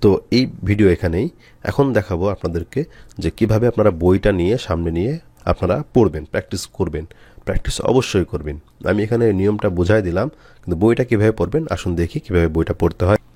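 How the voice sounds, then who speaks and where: A man with a low, warm voice teaches Quran reading, patiently spelling out Arabic letters and drilling the long vowels again and again. The recording is dry.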